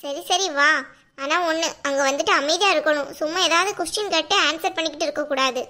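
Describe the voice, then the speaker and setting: A woman's voice: high-pitched, quick pace, sharp tone. A woman voicing a touchy young elder sister in a cartoon, defensive and snappish.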